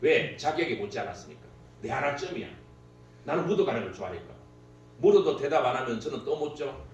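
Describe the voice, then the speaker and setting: A man's voice: mid-range voice, fast talker. A man giving a humorous workshop lecture, joking and laughing at his own stories. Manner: jokey, laughs at own stories, lively delivery. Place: lecture hall. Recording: very echoey hall, distant mic, faint hum.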